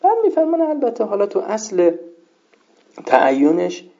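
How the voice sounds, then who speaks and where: A man teaches a seminary lesson on Islamic jurisprudence, patiently explaining points and conjugating examples aloud. His high, mellow voice swings hugely in pitch. The recording is dull and lo-fi.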